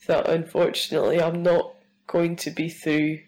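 This listener's voice message to a host comes in a low, fairly flat, slightly mellow voice at a moderate pace, over poor audio. She's congested and rough-sounding from a cold, yet heartfelt, cursing and laughing while crying.

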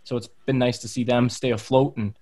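A man's voice: medium pitch, level tone, fairly quick, mellow. A man chatting casually on a podcast, in a loose, rambling way full of "um" and "you know". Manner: loose, filler-heavy. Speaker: podcast guest. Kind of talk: casual chat.

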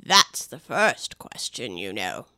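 A woman voicing a slow, imperturbable male footman in a storybook reading, with a very slow, deep drawl. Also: big pitch swings, sharp tone, no echo, studio quality, heavily acted. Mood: deadpan drawl. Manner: very slow, deep, dragging delivery. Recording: noisy with clicks.

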